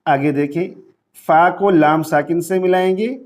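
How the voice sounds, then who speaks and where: A male Quran teacher leads a tajweed lesson, quickly explaining rules in Urdu with a Pakistani accent, then reciting Arabic verses slowly in long, drawn-out tones. His voice is on the high side and a little mellow.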